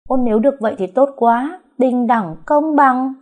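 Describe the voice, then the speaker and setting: A woman's voice: high-pitched, moderate pace, darkish tone, pitched above the performer's own voice. A woman voicing a blunt, bossy young female best friend who lectures and scolds. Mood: blunt scolding.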